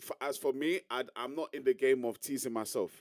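A man's voice: mid-range voice, fairly quick, darkish tone, no echo, studio quality. A young man, talking casually as a podcast co-host. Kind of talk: casual chat.

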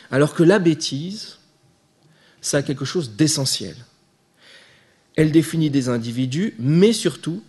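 A man giving an academic lecture, measured and thinking aloud, with small hesitations and restarts. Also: mid-range voice, darkish tone, breathy edge.

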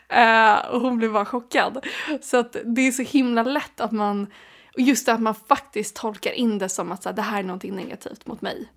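A young woman relaxed in casual conversation, talking in a slightly high voice. She tells her story in an animated way and laughs often. It has the easy feel of a co-host on a podcast. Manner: animated, laughs while telling stories.

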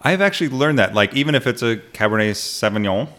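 A man's voice: medium pitch, animated, fast talker, a bit bright. A man hosting a casual podcast interview, curious and chatty, often restating points to check that he has them right. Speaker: podcast host.

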